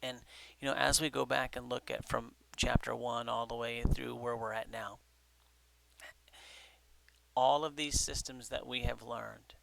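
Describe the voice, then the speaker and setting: A man's voice: medium pitch, vocal fry, fairly bright tone. A man teaching a recorded lecture, explaining step by step with many fillers and frequent "okay?" checks.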